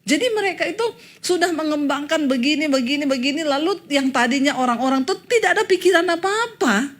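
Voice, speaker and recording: A woman pastor preaching a sermon and telling a personal story in an animated way, acting out what others said. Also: sits high, a little fast.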